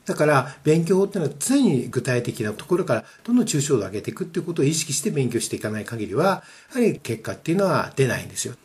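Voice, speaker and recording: A man's voice: fairly high pitch, darkish tone. A man giving a spoken lecture on study methods, explaining emphatically and posing rhetorical questions.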